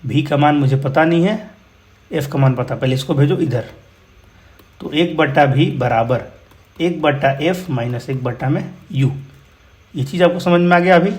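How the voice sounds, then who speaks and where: A man's voice: a little high, darkish tone. A man with a Bihari accent teaching physics numericals in a casual, encouraging way, often calling his students brother. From India. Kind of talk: explaining exam problems.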